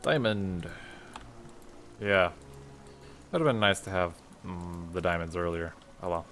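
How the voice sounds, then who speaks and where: Brief: low, gravelly male let's-player, chatty and offhand, faint game music behind. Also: a little slow, a bit bright. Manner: offhand, chatty, muttering to himself. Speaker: let's play host. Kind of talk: casual gameplay commentary.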